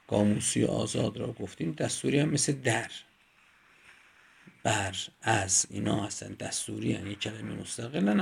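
A man's voice: medium pitch, gravelly, slightly rough. A man teaching a grammar lecture, explaining step by step with examples.

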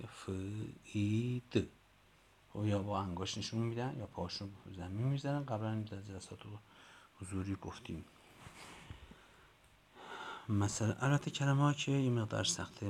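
A man with a lowish, gravelly voice giving an instructional talk to teachers. He is patient and methodical, sounding out letters one by one and repeating lists of sounds. A faint hum of room noise sits behind him. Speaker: teacher trainer.

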